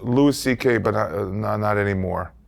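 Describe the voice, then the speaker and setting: A man from Slovakia, a comedian co-hosting a podcast, talking animatedly in quick runs with frequent restarts. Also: fairly low pitch, vocal fry. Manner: animated, fast storytelling with restarts. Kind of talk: casual podcast chat. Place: New York.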